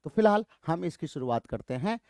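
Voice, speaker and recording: A man teaching English literature to students, reading quiz options slowly and explaining briskly, calling them children. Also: a little high, sing-song, a little mellow, dry recording, studio quality. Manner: addresses students as bachhon and beta, urges quick answers. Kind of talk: quiz lesson in Hindi mixed with English.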